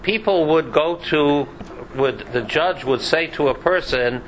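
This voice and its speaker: A man's voice: a little high, unhurried, a little hiss or hum, poor audio. A man giving a conversational Bible class lecture, chatty and sprinkled with dry joking asides. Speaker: Bible teacher.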